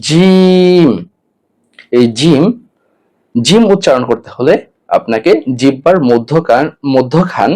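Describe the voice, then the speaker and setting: A man's voice: medium pitch, darkish tone. A man teaching an online Quran lesson, patiently giving step-by-step mouth instructions and repeating each letter sound three times.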